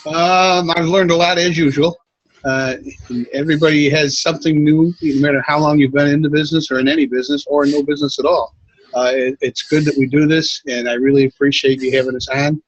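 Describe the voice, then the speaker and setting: Man, husky, grateful, hesitant, muffled call. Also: fairly high pitch, fairly even intonation, a little fast, no echo, faint music behind. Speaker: webinar participant. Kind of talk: casual online meeting talk. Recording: dull lo-fi call audio.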